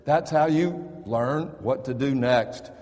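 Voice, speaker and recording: Man, preacher, storytelling sermon, conversational, mid pitch, long hall reverb. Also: slow, a little mellow. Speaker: pastor.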